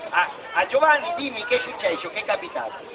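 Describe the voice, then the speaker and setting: A man voicing a bossy, excitable, fretful puppet who addresses children emphatically in a live comic show. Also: high-pitched, fast. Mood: bossy quizzing. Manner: questioning children directly, emphatic. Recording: tinny, noisy, distant outdoor crowd recording.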